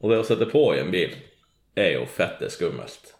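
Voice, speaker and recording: Gravelly, excitable, cursing man storyteller. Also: deep voice. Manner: profane, excitable, laughs often, frequent fillers. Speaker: guest telling a story. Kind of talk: casual storytelling chat. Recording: roomy echo.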